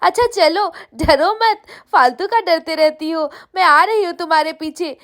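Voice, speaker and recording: A calm big sister in a cartoon storybook, voiced by a woman, gently teasing and reassuring a frightened child. Her voice is very high. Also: a little slow. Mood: amused. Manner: soothing, mildly mocking.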